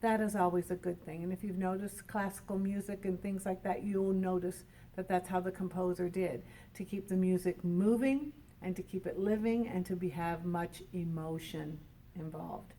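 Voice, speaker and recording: A woman giving a piano lesson, explaining each point plainly and slowing down to show it. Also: lowish voice, fairly even intonation, warm tone, a little hiss or hum. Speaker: piano teacher. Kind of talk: instructional talk. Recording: voice from some distance from the mic.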